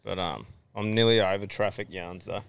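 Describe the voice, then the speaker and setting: A man's voice: deep voice, fairly even intonation, moderate pace, creaky, a bit bright, smooth. An Australian man hosting a podcast in casual, blokey, sweary chat. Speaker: podcast host.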